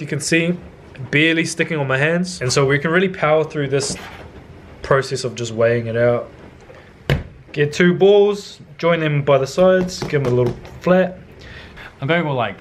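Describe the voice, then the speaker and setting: A man's voice: on the high side, slight background noise. Laid-back young man demoing a recipe. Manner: laid-back, slangy, chatty. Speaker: cooking vlogger. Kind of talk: casual cooking demonstration. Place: home kitchen, indoors.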